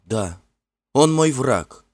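A man voicing a gentle, frightened young fairy woman who speaks softly and imploringly in a storybook reading. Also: mid-range voice, expressive, extremely slow, dry recording, studio quality, pitched above the performer's own voice, exaggerated voice. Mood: pleading. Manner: soft, tremulous and imploring.

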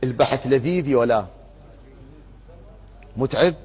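A man's voice: medium pitch, unhurried. A man giving an interactive religious lecture, putting questions to his audience and answering them himself. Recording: muffled lo-fi recording.

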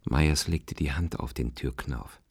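A man narrating a radio drama in a calm, even manner. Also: a bass voice, measured pace, gravelly, husky, no room sound, clean studio sound.

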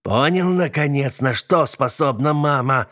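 A man voicing a scheming, boastful middle-aged witch who bosses her son, with a shrill, commanding manner. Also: expressive, measured pace, fairly bright tone. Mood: gloating.

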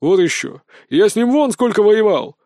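A man's voice: high voice, sing-song, normal speed, warm tone, dry recording, clean studio sound, voice pushed up. Man voicing a stubborn old mercenary. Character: stubborn old male mercenary, gruff and cocky. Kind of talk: audiobook character voice.

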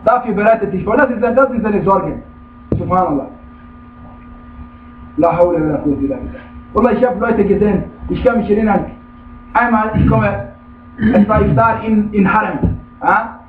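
A man's voice: high voice, moderate pace, long pauses, slight background noise. A man giving a religious lecture as a preacher, speaking emphatically and checking in with his listeners with frequent questions. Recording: tinny, echoey room, far from the mic.

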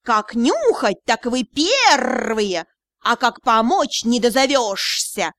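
Хитрый говорящий кот, нахальный и ленивый, его озвучивает женщина-чтец. Он тянет слова медленно, мурлычет, а голос прыгает то вверх, то вниз. Сухая запись без эха. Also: female voice, fairly high pitch, very animated, slow, fairly bright tone, no room sound, exaggerated voice. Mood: indignant. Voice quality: purring, drawling. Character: sly flirtatious male talking cat, lazy purr.

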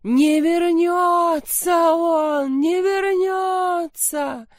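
A woman voicing a fragile, spoiled young woman who is shrill and shrieking, in a narrated story. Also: very animated, normal speed, dry recording, clean studio sound, close to an everyday voice. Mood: hysterical. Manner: shrill, shrieking and sobbing lines.

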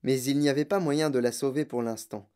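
A woman narrating a children's storybook aloud in a steady, clear way. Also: extremely low pitch, brisk.

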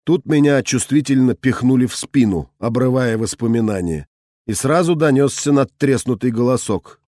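A man reads a first-person audiobook in a medium-pitched voice. His delivery is even and measured, captured with a close, dry microphone sound. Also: dry recording. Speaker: audiobook reader.

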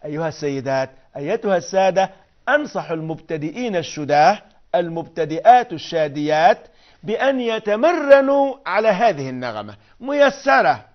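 A man's voice: high voice, big pitch swings, highs cut off. Man teaching poetic meter. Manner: explains patiently, chants verse and meter syllables slowly. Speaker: Arabic prosody teacher.

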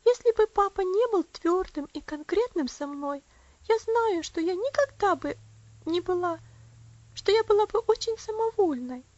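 Storybook little girl, earnest and devoted, high and eager, read by a woman, dull dry lo-fi sound. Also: animated, moderate pace, darkish tone, no echo. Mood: eager, heartfelt. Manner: eager, heartfelt. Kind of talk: audiobook character voice.

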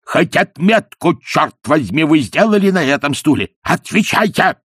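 A man voicing a fussy middle-aged male clerk who bursts into shrill, shouting rage. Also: expressive, brisk, vocal fry, husky, dry recording, studio quality, full character voice. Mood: furious shouting.

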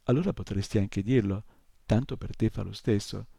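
A man's voice: lowish voice, normal speed, vocal fry, warm tone, husky, no echo, clean studio sound. A man reading the lines of a determined young boy hero in a story, pressing and pleading urgently. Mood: insistent. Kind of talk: audiobook reading.

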